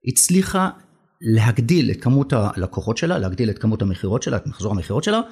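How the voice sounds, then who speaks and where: This guest in a conversational business interview is a middle-aged country manager for a company, speaking with an Israeli accent. His lowish, sing-song voice sounds a touch mellow and slightly rough, and he stresses points by repeating phrases emphatically.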